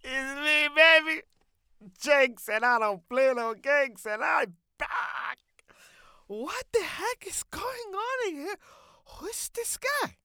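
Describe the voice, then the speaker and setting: A man putting on a brash, boastful character who shouts about his fast car and keeps saying "man". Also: extremely high pitch, lively intonation, no echo, clean studio sound, heavily acted. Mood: boisterous. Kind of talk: comedic improvised character bit.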